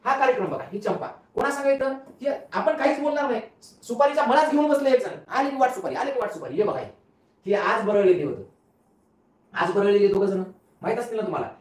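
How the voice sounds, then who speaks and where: A man's voice: very high voice, expressive, fast talker. A man, giving a casual, mocking political rant to viewers with repeated rhetorical asides. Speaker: political commentator. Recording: roomy, from a distance off mic.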